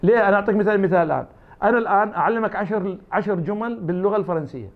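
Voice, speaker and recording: The recording is muffled as a high-voiced Iraqi man races through his interview answers in an Iraqi Arabic accent. As an academic guest, he argues his point using imagined dialogues.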